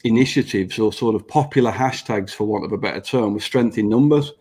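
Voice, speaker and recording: This podcast guest, a business owner, has a lowish, darkish, slightly rough voice and speaks a little fast. Chatting earnestly in a casual panel, he swears openly and repeats points for emphasis, his braces slightly affecting his speech.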